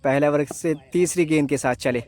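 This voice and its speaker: A man giving excited live ball-by-ball cricket commentary, announcing each delivery with repeated stock phrases. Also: fairly high pitch, moderate pace, dry recording.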